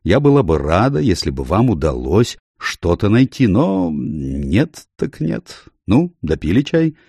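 A man voicing a big, gruff landlady with a kind heart, who grumbles bluntly. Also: on the low side, very animated, measured pace, a little mellow, no room sound, studio quality, voice pushed up, full character voice. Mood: grumbling.

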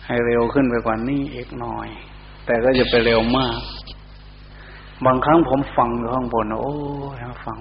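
A man's voice: mid-range voice, creaky. A middle-aged man with an Isan accent, a Buddhist monk giving a sermon and breaking into Pali chanting to show how it should sound. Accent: Isan (northeastern Thai). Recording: dull lo-fi hall recording with faint hum.

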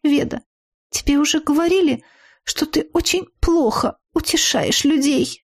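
A woman's voice: high-pitched, measured pace, dry recording, studio quality, pitched above the performer's own voice. A woman voicing a timid, nervous young witch girl in an audiobook, with a trembling, pleading voice. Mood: reproachful. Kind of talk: audiobook character voice.

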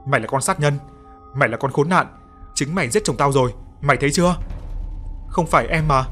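A man reading a horror audiobook voicing a grief-stricken young wife who shouts and wails through tears, with faint music behind. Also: mid-range voice, brisk, close to an everyday voice. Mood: furious.

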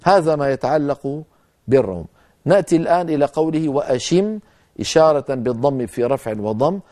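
A man teaching a tajweed lesson, explaining rules step by step and slowly chanting recited examples. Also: fairly high pitch, animated, dark tone.

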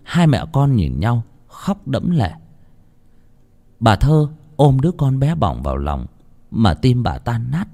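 A man narrating a horror story in a dramatic, expressive way. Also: medium pitch, slow pace, gravelly.

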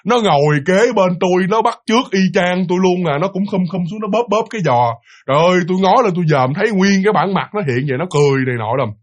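A man's voice: high-pitched, animated, fast. A man voicing an aggrieved middle-aged female street vendor who scolds and complains in a lamenting tone. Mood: scolding.

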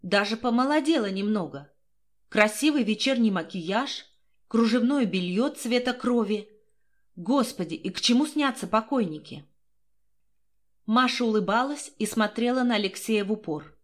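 A woman reading a first-person novel aloud in an even, measured way. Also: on the high side. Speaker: audiobook narrator. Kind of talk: first-person audiobook narration.

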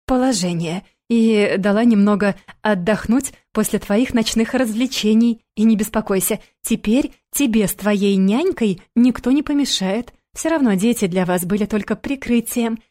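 A woman's voice: medium pitch, moderate pace, hardly any pauses, warm tone, close to an everyday voice. Woman doing a sneering blonde ex-wife. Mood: mocking. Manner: sneering, sugary, condescending. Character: scornful mocking blonde ex-wife and mother.

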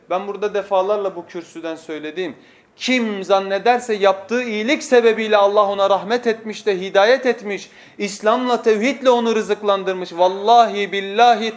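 A man with a high voice delivers a sermon-style lesson into a pulpit microphone. He moves from hushed, solemn passages to loud, emphatic oaths. He recites scripture in rapid bursts. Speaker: preacher teaching a lesson series. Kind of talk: sermon lecture.

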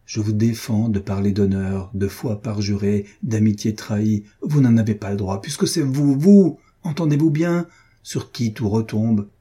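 An indignant, heartbroken woman pleads and reproaches her lover in impassioned bursts, as a male audiobook reader voices her. The tone is deep and mellow with a husky grain. It is a classic storybook read aloud. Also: steady tone, moderate pace, few pauses. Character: wounded, furious woman confronting her lover. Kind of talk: audiobook reading of a classic novel.

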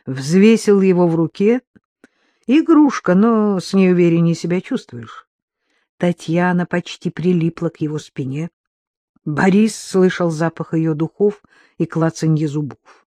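Measured audiobook narrator, dark tone. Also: mid-range voice, dry recording.

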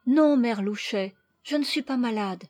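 Gentle little girl from a storybook, raised and high, earnest and pleading, as a woman reader puts her on. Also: a little slow, dry recording.

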